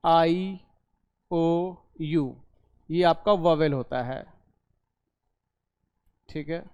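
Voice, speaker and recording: A man teaching a basic language class in a video lesson. He explains slowly, drawing out sounds and checking in after each point. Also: on the high side, a little mellow, clear, resonant tone, lo-fi sound. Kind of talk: online class lecture. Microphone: recorded for a video lesson.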